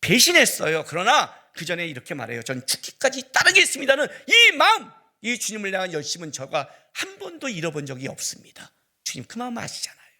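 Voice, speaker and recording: High, lively Korean pastor preaching. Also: male voice, quick pace. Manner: animated, acts out dialogue, rises to shouting. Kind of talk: sermon.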